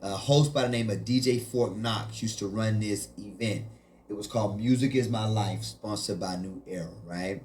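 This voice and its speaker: Laid-back low-voiced man who grew up in Haiti. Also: normal speed, a little mellow, slight background noise. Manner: laid-back, leans on "you know" and "man". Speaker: guest musician. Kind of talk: casual interview chat.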